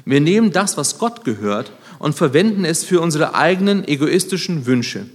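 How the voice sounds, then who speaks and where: Animated preacher in a reverberant hall. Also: male voice, normal speed. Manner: lively, shifts between loud emphatic and quiet low lines; conversational, self-deprecating asides. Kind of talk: sermon.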